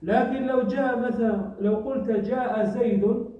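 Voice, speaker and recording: A man teaching a classroom grammar lesson, often quizzing his students with short questions and repeating example sentences slowly. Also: extremely high pitch, steady tone. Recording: echoey, distant, phone-like recording.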